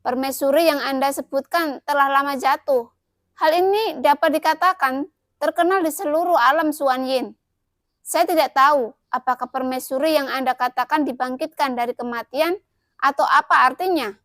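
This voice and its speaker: A woman's voice: sits high, moderate pace, a bit bright, dry recording, studio quality. Female narrator as an armored warrior in an audio novel; cold, curt, probing questions.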